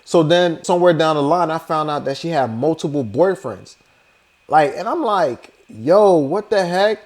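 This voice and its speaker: A man's voice: fairly high pitch, expressive, moderate pace, a little mellow. A young man, casually telling a personal story to his vlog audience, laid-back and loose, full of "you know" and "like". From Liberia. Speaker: vlogger.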